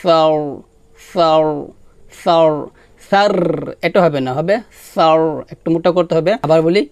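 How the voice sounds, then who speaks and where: High-voiced man teaching slow recitation. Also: steady tone, darkish tone, clean tone, dry recording. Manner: spells out letters, then chants words slowly and drawn out. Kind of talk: tajweed lesson, spelling and slow recitation.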